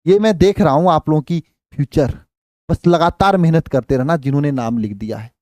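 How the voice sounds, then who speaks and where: A man teaching a chemistry class in Hindi. He counts aloud slowly, asks questions and repeats the answers, and his voice rises higher and louder when he stresses a point. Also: no room sound. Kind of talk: live online class teaching.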